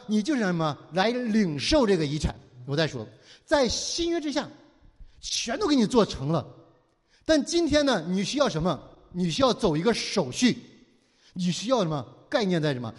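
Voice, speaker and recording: A man's voice: sits high, long reverb tail. A man preaching a sermon, firing rhetorical questions at his listeners and mockingly acting out whiny pleading prayers. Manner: preaching with constant rhetorical questions for the audience to answer. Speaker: pastor.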